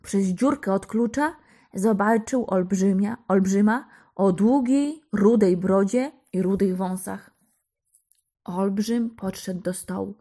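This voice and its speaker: A woman narrating a children's fairy tale. Her delivery is slow and gentle, with a mid-range voice and an easy storybook cadence. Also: mid-range voice.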